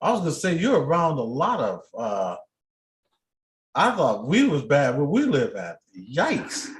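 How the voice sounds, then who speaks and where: An American man with a fairly high, lively voice talks in a folksy way, as if hosting a casual live chat. His phrasing is colloquial, and the sound is roomy and echoey. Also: unhurried. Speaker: co-host of a live spirit box session.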